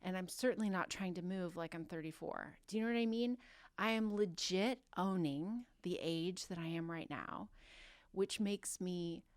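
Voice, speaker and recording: A woman's voice: lowish voice, moderate pace, dry recording. A woman in her forties, a health coach and author, speaking earnestly and with self-assurance as a podcast guest. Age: 40s. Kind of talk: casual podcast interview.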